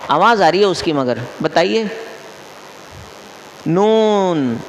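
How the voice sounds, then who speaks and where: A man's voice: on the high side, expressive, fairly bright tone, a little hiss or hum. A man, a mufti, teaching the rules of Quran recitation to a class in a mosque, quizzing his listeners and repeating each rule. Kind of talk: classroom lesson. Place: mosque hall. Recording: echoey hall with long reverb.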